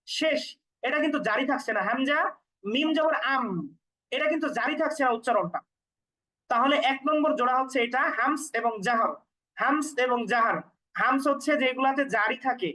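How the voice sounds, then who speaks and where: A woman teaches recitation in a patient explanatory lesson. Her voice sits high and bright. She repeats each term and sounds out letters to demonstrate. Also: rough recording.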